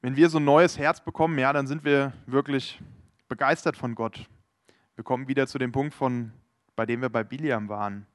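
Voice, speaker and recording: A man's voice: mid-range voice, fairly even intonation, normal speed, no room sound. Man, preacher, earnest sermon, speaks straight to the listener, dry close recording. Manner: earnest, addresses listeners directly.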